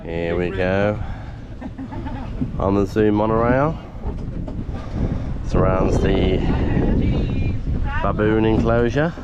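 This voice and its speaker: A man's voice: fairly low pitch, slow, long pauses, highs cut off. A man giving chatty, appreciative casual vlog commentary as he goes around outdoors. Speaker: vlogger. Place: outdoors at a theme park zoo. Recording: noisy outdoor recording with vehicle sounds. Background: loud outdoor ambience.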